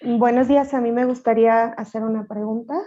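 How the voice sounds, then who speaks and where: Polite woman asking a question, mellow voice. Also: on the high side, fairly even intonation, fairly quick, lo-fi sound. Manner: polite, courteous. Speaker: audience member asking a question. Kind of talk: seminar question.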